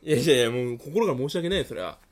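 A man co-hosting a casual talk show, firing off brash, mock-indignant retorts in quick banter, just back from a cold. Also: mid-range voice, expressive. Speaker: podcast co-host.

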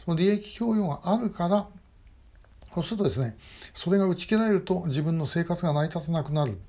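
A man's voice: sits high, lively intonation, warm tone. A middle-aged man hosting a short message broadcast, speaking casually and with many hesitation fillers, recorded on a camera. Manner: measured, with frequent hesitation fillers. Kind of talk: casual spoken commentary. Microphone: phone or webcam video selfie.

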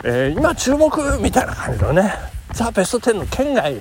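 A man's voice: high-pitched, wildly swooping pitch, moderate pace, background noise. A man in his fifties hosting a casual solo talk show outdoors on a morning run. He speaks in a jokingly formal, chatty way. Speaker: podcast host.

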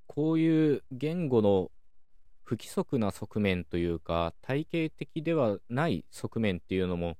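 A man hosting a calm solo talk show, explaining things in a measured way with many soft fillers. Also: medium pitch, dry recording, studio quality. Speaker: podcast host.

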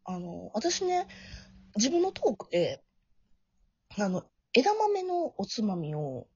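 A hoarse, hungover woman with a booze-roughened whiskey voice, hosting a casual podcast chat. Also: medium pitch, wildly swooping pitch, slow, no room sound. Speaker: podcast host. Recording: dull, muffled lo-fi audio.

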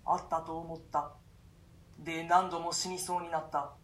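A voice actor reads a classic play as radio drama, voicing an imprisoned duke, grave and male, who fearfully relates a haunting nightmare in solemn, archaic storytelling punctuated by gasps. The delivery is flat and moderately paced in a natural, mid-range, slightly bright voice, with reverberant sound.

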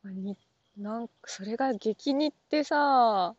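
A woman's voice: fairly high pitch, takes it slowly, dry recording, highs cut off. A woman talking alone in a casual monologue, rambling and full of fillers, often stopping to question herself aloud. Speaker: app talk show host.

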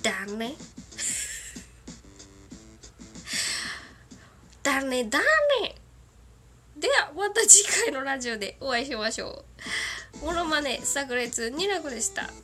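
A woman in her thirties hosts a loose solo radio chat, giggling often and talking freely. She has a cold and sniffles between lines, and her pitch bounces widely with music playing underneath. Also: animated, moderate pace, sharp tone. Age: 30s. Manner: giggly, chatty, doing cartoon character impressions. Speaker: radio show host.

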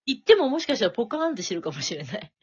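A woman's voice: fairly high pitch, sing-song, rapid-fire, slightly rough. A woman co-hosting a podcast in casual chat, gushing and chatty. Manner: chatty, gushing about her niece. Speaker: podcast co-host. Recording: dull lo-fi audio.

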